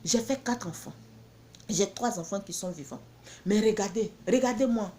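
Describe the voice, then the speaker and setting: A woman's voice: medium pitch, normal speed, warm tone, slight background noise. A woman from Benin, selling her own products in a blunt, emphatic promotional monologue full of repeated catchphrases.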